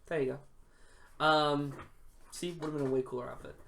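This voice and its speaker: A man's voice: on the high side, fairly even intonation, normal speed, creaky, a bit bright, slight background noise. A man co-hosting a casual gaming podcast, joking around and laughing often, with many hesitant fillers. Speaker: podcast co-host.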